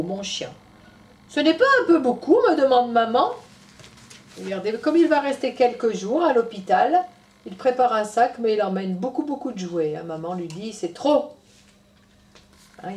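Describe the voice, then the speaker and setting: Expressive woman reading to small children. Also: fairly high pitch. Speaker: teacher. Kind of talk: reading a picture book aloud to young children. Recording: voice from a distance off the mic.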